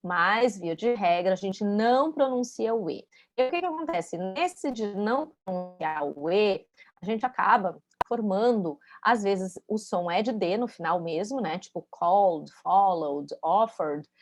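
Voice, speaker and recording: A woman's voice: mid-range voice, expressive, unhurried, faint music behind. A woman teaching English pronunciation in a casual spoken lesson, speaking, explaining patiently and checking in with her students as she demonstrates sounds.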